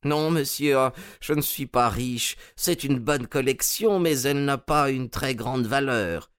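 Man putting on a meek, high old collector. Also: a little slow, a bit bright, clean tone, lightly acted. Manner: meek, polite, a little stammering. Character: timid elderly male collector, eager and deferential.

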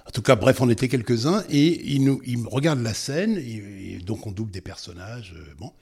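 A man, a voice actor, telling anecdotes in a relaxed interview, with frequent hesitations and fillers. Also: medium pitch, normal speed, slightly rough. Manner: storytelling, hesitant with many fillers. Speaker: voice actor guest.

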